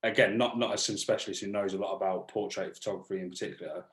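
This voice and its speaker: A man's voice: fairly low pitch, fairly even intonation, quick pace, a bit bright. A man hosting a casual interview, asking long, eager, rambling questions and restarting often. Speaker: podcast host. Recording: roomy echo.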